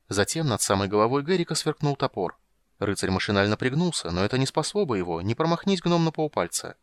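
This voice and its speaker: Brief: male narrator for a fantasy novel, dramatic, fast, dry studio sound. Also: on the low side, dry recording. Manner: brisk, dramatic reading. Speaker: audiobook narrator.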